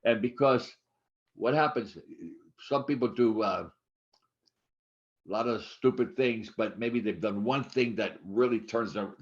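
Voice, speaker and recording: A man in his eighties, co-hosting a casual chat show, rambling with many halting restarts and fillers. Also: lowish voice. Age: 80s. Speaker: podcast co-host. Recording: dull lo-fi sound.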